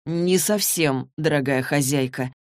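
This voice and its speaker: A woman's voice: low-pitched, steady tone, a little slow, no room sound. A woman voicing a young male warrior who talks in a dry, teasing way. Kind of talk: audiobook character reading.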